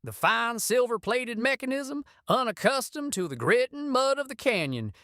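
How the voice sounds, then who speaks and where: A woman's voice: on the high side, big pitch swings, normal speed, a bit bright, dry recording, studio quality. A woman narrating a frontier adventure story in an intense, scripted style.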